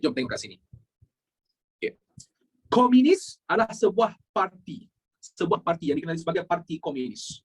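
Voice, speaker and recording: A man's voice: sits high, fairly bright tone, breathy edge, low-quality recording. A young Malaysian man teaching a live online history class, jokey and repeating his key points, mixing in English phrases.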